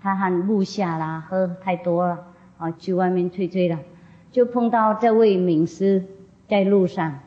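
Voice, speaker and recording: A woman's voice: lowish voice, steady tone, a little slow. A woman spiritual teacher telling a story to an audience in a folksy, chatty way, often laughing. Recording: dull lo-fi recording.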